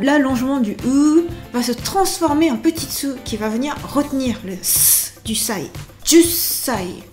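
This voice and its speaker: Woman teacher, high voice, upbeat and encouraging, slow careful repetitions, faint music behind. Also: a little mellow. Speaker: language teacher. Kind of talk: online lesson.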